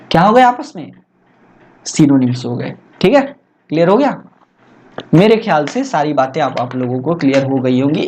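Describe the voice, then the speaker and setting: A man's voice: fairly high pitch, warm tone, slight background noise. Chatty tutor man teaching to an audience. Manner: chatty, asks rhetorical questions. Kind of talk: Hindi-English exam lesson. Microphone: laptop recording.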